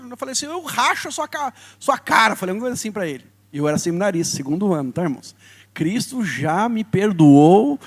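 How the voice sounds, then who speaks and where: High-voiced Brazilian pastor preaching. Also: male voice. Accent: Brazilian Portuguese. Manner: storytelling with lively swings between loud and soft. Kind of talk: sermon.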